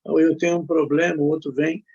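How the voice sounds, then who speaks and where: A man's voice: fairly high pitch, flat delivery, brisk, gravelly, mellow, breathy edge. A man with a Brazilian Portuguese accent hosting a casual online chat, hesitant and encouraging, full of filler words. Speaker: host. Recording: muffled lo-fi audio.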